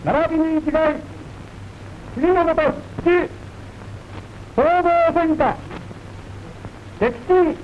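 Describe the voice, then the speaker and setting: A man reading an official war bulletin in a stiff, measured way, pausing between each item, heard as an old archival broadcast recording. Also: very high voice. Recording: dull lo-fi archival broadcast with faint hiss.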